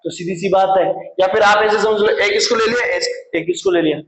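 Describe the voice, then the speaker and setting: A man's voice: sits high, fairly even intonation, normal speed, a bit bright. A man teaching chemistry in a classroom lecture, putting questions to the class, answering them himself and repeating the key terms. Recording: echoey classroom.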